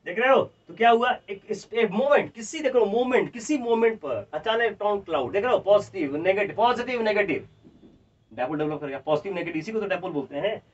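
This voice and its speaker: Heard on distant, dull, lo-fi classroom audio, this man has a high voice and talks quickly. He's an Indian chemistry teacher with a Bihari Hindi accent who animatedly and emphatically goes over every point more than once, keeps addressing his students as children, and dictates notes one word at a time.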